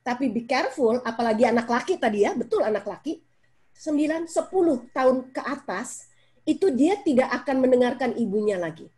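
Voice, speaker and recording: A middle-aged woman speaking as a parenting guest on a talk show, expressive and lively, mixing in English phrases. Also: a little fast. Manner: expressive, acts out scolding parent in high voice, mixes English phrases. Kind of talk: animated talk-show explanation.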